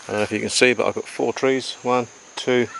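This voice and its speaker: A man talks to camera for a casual survival diary outdoors beside a jungle river, unscripted and methodical, in a matter-of-fact tone. His mid-range voice is steady, brisk, creaky, and a bit bright; the low-quality recording includes faint insects, crickets, and jungle ambience.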